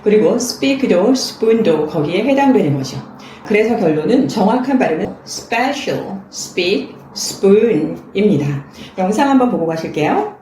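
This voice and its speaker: A woman's voice: mid-range voice, expressive, normal speed, dark tone. A woman teaching English pronunciation in a friendly scripted lesson, speaking directly to her viewers. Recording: echoey room with faint background noise.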